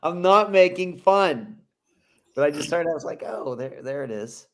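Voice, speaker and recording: A man co-hosting a podcast in casual chat, rambling with plenty of "you know" and gently teasing his co-host. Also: on the high side, expressive, normal speed.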